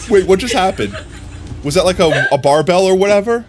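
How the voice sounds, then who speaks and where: A man streaming live, chatting to his viewers and riffing on funny clips in a relaxed, amused way. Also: high-pitched, fairly quick, noisy background. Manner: chatty, amused, talks to chat. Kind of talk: casual live-stream commentary.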